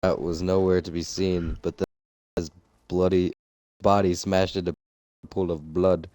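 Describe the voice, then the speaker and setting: A young man reading a horror story aloud with friends, halting and losing his place as he goes. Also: low voice, level tone, warm tone, no room sound. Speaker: co-host reading a creepypasta aloud. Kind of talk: casual group reading of a story.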